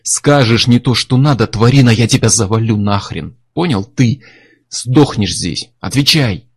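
A man's voice: medium pitch, sing-song, brisk, slightly rough, voice pushed up. A man voicing a menacing armed male criminal who talks in a coarse, sneering, threatening way. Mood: hateful.

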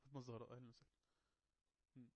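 A man with an Egyptian Arabic accent running an online English class, coaxing and teasing quiet students to speak up. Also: mid-range voice, level tone, very fast, creaky, lo-fi sound. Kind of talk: casual online class moderation.

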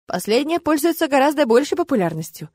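A woman narrating a first-person audiobook in a wry, lively storytelling manner. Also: sits high, fast talker, dry recording.

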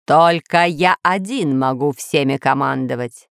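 Her voice is low, gravelly yet smooth, and she reads at a measured pace as a boastful male scientist who commands dinosaurs. This storybook narration is pompous and menacing, captured in clean studio sound with no echo.

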